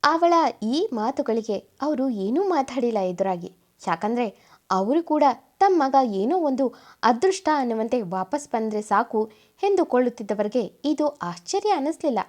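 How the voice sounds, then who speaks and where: A woman narrating a serialized family drama story with expressive reading. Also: a little high, measured pace.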